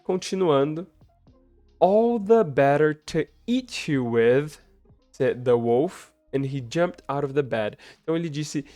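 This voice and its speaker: A man with a slightly high, darkish voice, recorded with no room sound, teaches English by reading story lines aloud and translating them for learners. He keeps checking in with the viewer through frequent tag questions.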